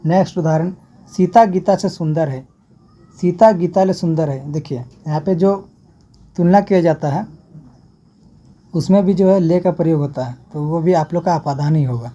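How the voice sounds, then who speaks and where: A woman's voice: sits low, normal speed, warm tone. A woman teaching an exam-prep grammar lesson, explaining step by step and repeating each example.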